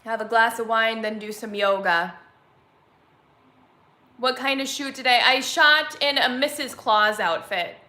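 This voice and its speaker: A young woman in her twenties chats casually on a home live stream, rambling from one thought to the next with plenty of "like" fillers. Her voice is bright and forward. The room around her sounds echoey. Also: a little high, measured pace, pauses often. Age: 20s. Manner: chatty, rambling, filler-heavy with frequent "like". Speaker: vlogger hosting a live chat.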